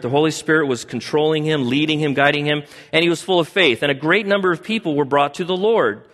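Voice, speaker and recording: This American man preaches as a pastor, chatting with his congregation and often asking them questions. His voice sits on the high side with a slightly bright quality, captured with long hall reverb.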